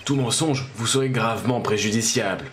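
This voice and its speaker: A man's voice: fairly low pitch, a little fast, fairly bright tone, slight background noise, close to an everyday voice. A man voicing a smug, arrogant male courtroom prosecutor, reading game dialogue in a haughty, mocking way.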